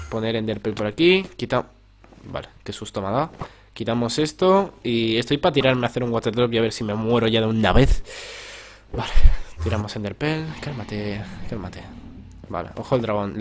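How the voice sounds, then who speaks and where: Young man gaming commentary. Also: slight background noise. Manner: swings from low mutters to excited outbursts; crude slang, chatty asides to viewers. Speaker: gaming youtuber. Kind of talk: casual gameplay commentary. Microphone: desk mic.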